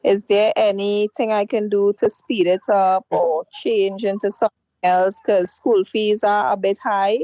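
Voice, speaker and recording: A woman's voice: medium pitch, steady tone, measured pace, dark tone, no room sound, low-quality recording. Young woman caller from Trinidad. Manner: explains her situation in detail.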